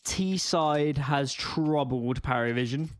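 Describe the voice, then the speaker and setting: A man's voice: mid-range voice, slow, no echo. A man co-commentating a live esports match with conversational, wry analysis. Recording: faint background noise and clicks.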